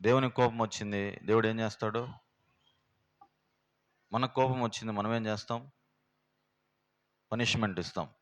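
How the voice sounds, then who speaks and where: A man's voice: fairly low pitch, steady tone, moderate pace, long pauses, clean tone. Man preaching. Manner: plain, homely, fires rhetorical questions at the congregation. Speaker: pastor. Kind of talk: sermon teaching. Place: prayer house.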